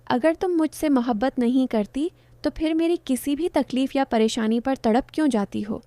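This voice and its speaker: A woman narrating a romance novel aloud in the first person, in an even, calm storytelling voice. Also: high voice, no room sound.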